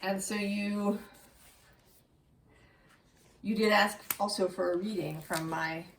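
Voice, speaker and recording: A woman's voice: mid-range voice, steady tone, takes it slowly, slight background noise. A woman giving a casual, reflective tarot reading, musing aloud and correcting herself as she goes. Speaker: tarot reader.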